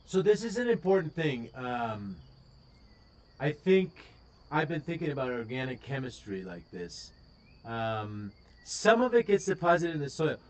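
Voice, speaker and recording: A man with a Wisconsin accent hosting a casual live stream, rambling with plenty of ums and uhs. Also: on the high side. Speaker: host.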